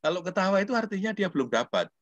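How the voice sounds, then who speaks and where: A man's voice: high-pitched, very fast, no room sound, lo-fi sound. An older man giving a religious talk, telling stories and acting out dialogues. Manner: animated storytelling, acting out dialogues. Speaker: Islamic preacher and lecturer.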